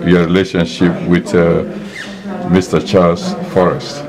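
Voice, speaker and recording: A deep-voiced man interviewing guests at a church memorial, chatting warmly and affirming each answer. A loud crowd murmurs behind him in the hall. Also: little pitch movement, unhurried. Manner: warm, chatty, frequent affirmations. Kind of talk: casual interview.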